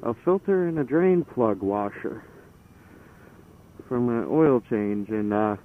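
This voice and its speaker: Riding along, this man chats in a loose, halting motovlog style from under his helmet, his mid-range voice expressive and unhurried. The helmet mic is band-limited, giving a phone-quality sound, and vehicle noise from the engine and road fills the background.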